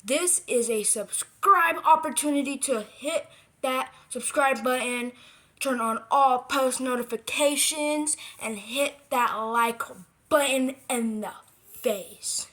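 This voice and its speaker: This creator's craft how-to is loose and rambling, full of self-corrections and points repeated for emphasis. They speak slowly in a high register, with a bright, forceful tone.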